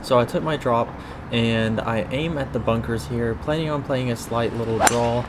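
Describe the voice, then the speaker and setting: A man's voice: mid-range voice, moderate pace, very noisy. A man giving casual, instructive golf commentary as a voice-over, explaining his own round as the player.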